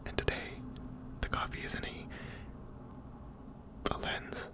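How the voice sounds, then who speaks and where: A young man in a whispered role-play, speaking breathily right at the microphone in a tingly ASMR mouth-sounds style, playful and halting, repeating phrases. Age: young adult. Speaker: ASMR video host. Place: small home studio room. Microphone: close desk microphone at the lips.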